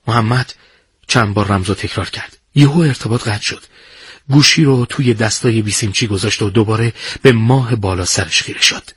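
A man narrating a dramatic war story in a measured, hushed storytelling manner. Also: fairly low pitch, breathy edge, no room sound.

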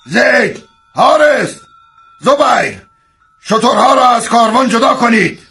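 A gravelly high-pitched bandit chief. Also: male voice, lively intonation, pushed and bright, faint music behind, heavily acted. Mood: commanding. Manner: barking orders, threatening. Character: menacing male bandit chief, harsh and commanding.

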